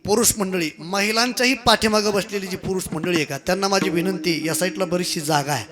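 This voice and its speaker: A man's voice: high-pitched, fast talker, a bit bright. A man preaching a kirtan sermon in a festival pavilion, joking with the crowd, calling out questions for them to answer and declaiming with sung emphasis. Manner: playful, commanding, calls on the crowd to answer.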